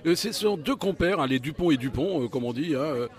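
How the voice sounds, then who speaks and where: A man's voice: fairly high pitch, lively intonation, brisk. A man hosting a casual interview, playful and talkative. He fills gaps with "euh" and cracks puns as he goes, in an easygoing, friendly-sounding way. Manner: jokey, chatty, full of fillers and puns.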